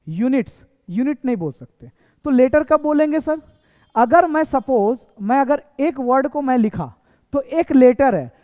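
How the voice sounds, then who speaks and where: A man teaching a basic English lesson, repeating points and asking rhetorical questions. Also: very high-pitched. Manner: repetitive, quizzing with rhetorical questions. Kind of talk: classroom lesson. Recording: echoey hall, tinny phone-like sound.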